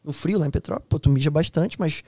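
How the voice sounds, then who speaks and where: A man with a Brazilian accent, a podcast guest telling a story in a slangy, animated, casual way in a studio. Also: fairly high pitch, fast, husky, no echo. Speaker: guest, former U.S. Army soldier.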